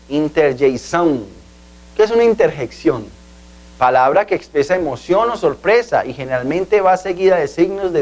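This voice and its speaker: Male tutor, slightly raised pitch, patient and repetitive classroom delivery. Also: a little mellow. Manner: patient, repeats key words and asks "¿sí?". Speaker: language teacher. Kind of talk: video language lesson.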